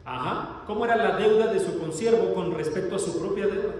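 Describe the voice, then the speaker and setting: High-voiced man preaching in an echoey hall. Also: fairly quick, a little mellow. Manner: asks the congregation questions and explains verses. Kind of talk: sermon. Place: church hall. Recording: echoey church hall, distant mic.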